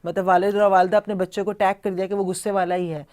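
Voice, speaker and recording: A woman's voice: mid-range voice, little pitch movement, darkish tone. A woman hosting a discussion, asking questions and summing up points, moving freely between two languages. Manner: conversational questioning, switches between Urdu and English. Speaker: host. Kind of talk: interview conversation.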